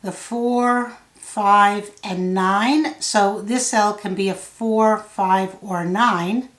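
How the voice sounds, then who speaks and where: A woman tutor thinks out loud as she works through a solve-along lesson. Her delivery is slow and methodical, with a medium-pitched voice. The recording has a noticeably roomy echo. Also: steady tone. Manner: thinking out loud step by step, measured. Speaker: puzzle tutor. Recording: roomy, echoey sound.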